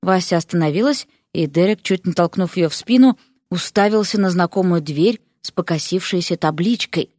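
A woman narrating a comic fantasy story with lively, expressive reading. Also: lowish voice, moderate pace, no room sound, clean studio sound. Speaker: audiobook narrator.

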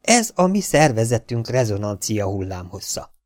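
Man narrating an audiobook, low voice, dry close recording, bursts of emphasis on the dialogue. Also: dry recording. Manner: voices each character's quoted lines with lively, rising emphasis. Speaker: audiobook reader. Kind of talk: audiobook narration of a science fiction novel.

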